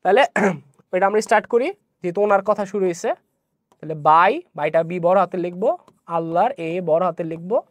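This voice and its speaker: A woman's voice: fairly low pitch, moderate pace, long pauses, no echo. A woman teaching an online exam-prep English lesson, explaining step by step and often asking checking questions.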